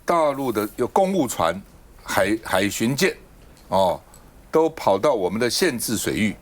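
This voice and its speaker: Talk show guy, super animated pitch, keeps throwing rhetorical questions. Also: unhurried, faint music behind. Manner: argumentative, fires off rhetorical questions. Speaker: political talk show host. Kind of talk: political talk show commentary.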